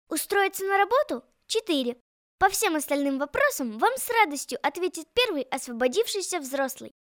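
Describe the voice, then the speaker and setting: A woman reading a scripted automated phone menu in an even, measured way, her voice dropping on the final word of each option. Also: extremely high pitch. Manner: even, measured reading with falling last words.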